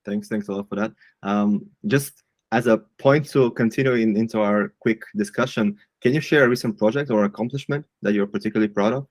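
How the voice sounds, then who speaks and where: Low-pitched male interviewer, polite, dry close mic. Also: brisk, a little mellow, no echo. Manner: polite, reads questions with hesitations. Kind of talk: scripted interview questions.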